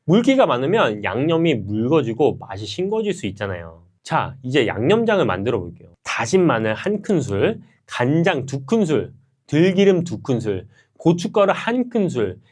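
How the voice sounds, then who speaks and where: A man's voice: mid-range voice, very animated, normal speed. A man narrating a scripted health and recipe video in a polite, instructive tone aimed at older viewers.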